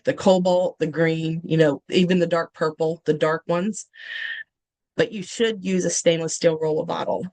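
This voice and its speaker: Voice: mid-range voice, low-quality recording. A host in casual live chat, chatty and speaking directly to viewers.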